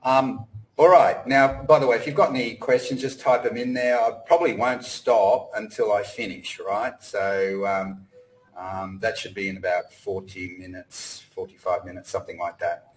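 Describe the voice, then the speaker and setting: A man's voice: fairly low pitch, fairly even intonation, normal speed, rough recording. A middle-aged man from Australia giving a casual online presentation, rambling with lots of fillers and restarts. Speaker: webinar presenter. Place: home in Cambodia.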